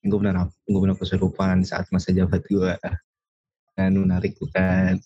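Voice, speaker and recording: Young guy, low flat husky voice, halting storyteller, dry muffled sound. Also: no room sound. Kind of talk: casual podcast chat.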